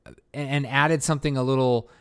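A man co-hosting a casual board game podcast, joking and rambling with quick asides. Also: medium pitch, steady tone, clear, resonant tone. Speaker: podcast co-host.

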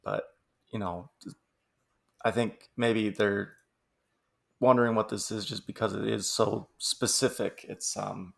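Male podcast co-host, low gravelly voice, relaxed chatty musing. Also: unhurried, long pauses. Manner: laughs often, musing and talkative. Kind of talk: casual chat.

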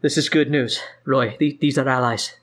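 A man voicing a calm, formal ally who explains things in a tabletop fantasy game. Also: mid-range voice, normal speed, natural voice. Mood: reassuring.

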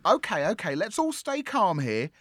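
A man hosting a comedy podcast, excitable and theatrical in scripted banter. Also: sits high, normal speed, crowd noise. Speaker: podcast host.

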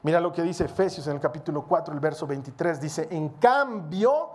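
A preacher giving a sermon in an earnest, exhorting manner, speeding up and slowing down for emphasis. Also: mid-range voice, fairly even intonation, a little mellow, a little hiss or hum. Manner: acts out short quoted prayers and dialogue.

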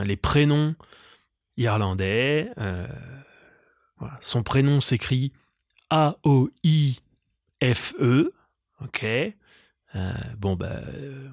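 A man's voice: medium pitch, no echo, clean studio sound. A man hosting his own podcast, a comedian rambling through crude, self-mocking digressions. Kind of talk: rambling comic monologue.

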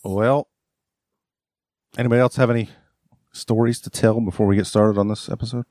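A middle-aged man hosting a podcast in casual chat, relaxed and rambling, laughing often. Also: on the low side, normal speed, dry recording, studio quality. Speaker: podcast host.

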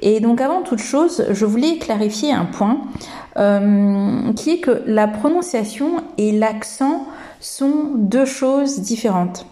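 A woman hosting a podcast lesson, teaching English pronunciation and speaking slowly and hesitantly, with many fillers. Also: fairly high pitch, animated, mellow.

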